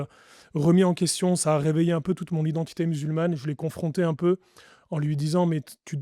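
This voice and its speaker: A man's voice: a little high, dark tone, dry recording, clean studio sound. A French man, a pastor, giving his testimony in an earnest, reflective way with frequent restarts. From France. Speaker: pastor, podcast guest. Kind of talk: testimony interview.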